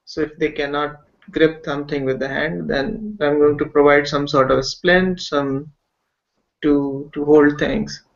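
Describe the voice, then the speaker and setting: Slow, hesitant man on a video call. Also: a little high, flat delivery, vocal fry. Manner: hesitant, many pauses and fillers. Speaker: webinar participant describing his project. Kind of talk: slow, halting self-introduction. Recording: dull online call audio.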